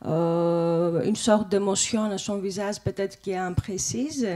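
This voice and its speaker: Woman, medium pitch, hesitant, tentative, spontaneous academic comment. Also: measured pace, warm tone.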